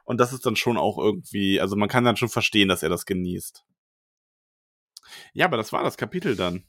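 A man co-hosting a casual podcast, chatting about a book chapter, animated and quick to laugh. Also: on the low side, no room sound, studio quality. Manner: animated, laughs often, retells scenes in voices. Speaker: podcast co-host.

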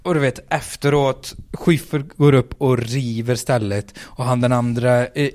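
A man's voice: mid-range voice, fairly even intonation, a little mellow, dry recording, studio quality. A man, a stand-up comedian telling a story in casual chat, swearing freely and acting out the quotes.

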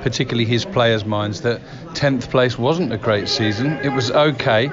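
Male football interviewer, stop-start delivery, muffled sound with clear crowd chatter behind. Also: mid-range voice, moderate pace. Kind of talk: on-location interview. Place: busy pub.

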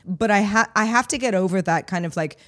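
A woman podcast co-host chats casually in a mid-pitched voice. She is self-deprecating and often repeats words as she feels her way through a sentence. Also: brisk, a bit bright.

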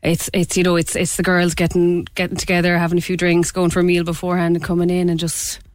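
A woman from County Clare with a west of Ireland accent, chatting casually and colloquially as a guest in a radio interview, animated and self-deprecating. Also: lowish voice, quick pace, dry recording. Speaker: interview guest, improv performer.

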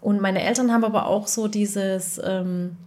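A woman in her thirties, a dubbing voice actress and mother, chatting casually and telling lively stories with acted-out quotes. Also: medium pitch, moderate pace. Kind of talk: casual chat.

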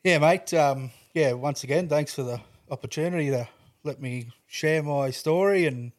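A man's voice: fairly high pitch, normal speed. An Australian man telling his life story in casual, laconic, colloquial chat as a podcast guest. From Toowoomba, Queensland, Australia. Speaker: podcast guest, bricklayer by trade.

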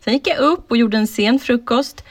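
A woman co-hosting a podcast in casual chat, chatty and excitable, swearing casually as she talks. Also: fairly high pitch, no echo. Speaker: podcast co-host.

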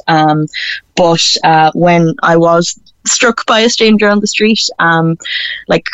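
A woman's voice: deep voice, no room sound, dull audio. A woman with a west of Ireland accent talking candidly in an interview, hesitant and informal. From Galway, west of Ireland. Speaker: interview guest, performer.

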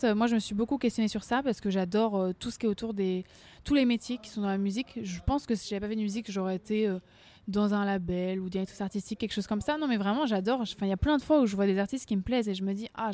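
A woman's voice: medium pitch, a little mellow. A young woman singer talking casually in an interview, chatty, laughing often, full of fillers and restarts. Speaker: singer guest.

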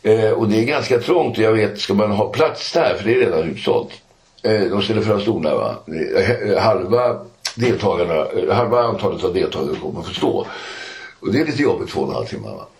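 Low-voiced older man telling anecdotes. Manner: animated anecdotes with frequent "eh" and "va?" tags. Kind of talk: casual storytelling.

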